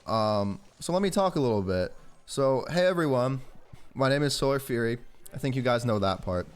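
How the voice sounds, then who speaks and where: A gaming YouTuber in his early twenties from Georgia in the southern US talks with an American accent. His medium-pitched voice is smooth and animated at normal speed. He chats informally and rambles, mixing gameplay commentary with personal chat.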